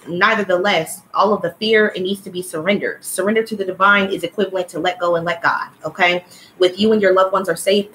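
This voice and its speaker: A woman's voice: on the low side, fairly bright tone, slight background noise, rough recording. A woman giving a casual, blunt livestream oracle card reading who swears freely and calls her listeners child and y'all. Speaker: spiritual card reader.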